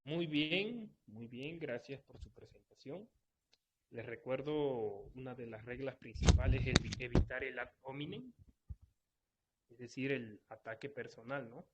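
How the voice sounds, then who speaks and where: A man's voice: medium pitch, measured pace, a little mellow, husky. A man moderating a live online debate, formally laying out the rules step by step. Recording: dull lo-fi online audio.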